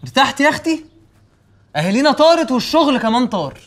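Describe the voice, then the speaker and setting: An actor with an Egyptian accent playing Youssef, a young, hot-tempered, jealous husband in a TV comedy. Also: male voice, very high-pitched, sing-song, heavily acted. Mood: angry. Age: young adult. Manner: loud and fast, shouting threats.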